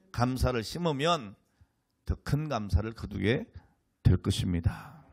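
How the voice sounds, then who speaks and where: A male senior pastor closing his sermon in a church with a measured, solemn blessing and prayer. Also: on the low side, vocal fry, darkish tone. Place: church sanctuary.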